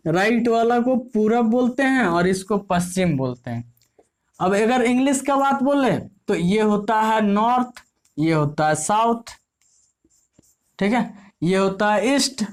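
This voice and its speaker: Chatty woman teacher, slightly high voice. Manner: repeats "ठीक है" often, asks and answers own questions. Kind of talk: casual classroom explanation.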